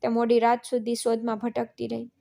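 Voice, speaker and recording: A woman narrating a scripted family story in a flat, even reading. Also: on the high side, fairly quick, vocal fry.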